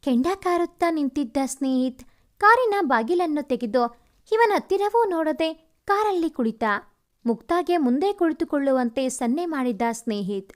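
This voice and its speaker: A woman narrating a dramatic love story in an expressive storytelling manner. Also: sits high, normal speed.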